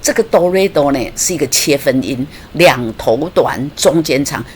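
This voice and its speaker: A woman's voice: deep voice, expressive, normal speed, darkish tone, slight background noise. A woman teaching a song line by line, patiently explaining notes and rhythm and singing short phrases as examples.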